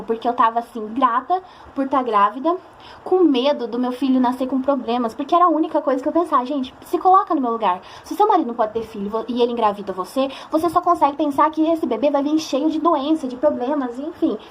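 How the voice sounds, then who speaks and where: A woman's voice: high-pitched, brisk, slight background noise. A young woman with a Brazilian accent, telling a personal story to her viewers in a chatty, emotional way and acting out the voices of people she quotes. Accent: Brazilian Portuguese. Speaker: vlogger.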